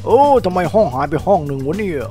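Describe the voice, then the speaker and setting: Man doing a rowdy young gamer next door, high and bouncy voice, music behind. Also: fast talker. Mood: excited. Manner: brash, excitable, shouty exclamations. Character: loud careless young male gamer neighbor.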